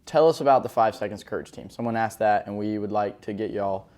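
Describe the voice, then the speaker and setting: Brief: young male podcast co-host, low voice, relaxed and upbeat, quick to laugh. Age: 20s. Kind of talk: casual chat. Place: indoor room, filmed by a cameraman.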